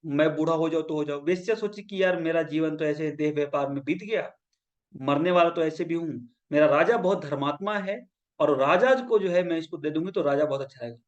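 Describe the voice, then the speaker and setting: High-voiced man teaching a class. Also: muffled recording. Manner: asks the class to repeat points back; acts out quoted lines as he tells stories. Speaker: yoga teacher. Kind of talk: lecture storytelling.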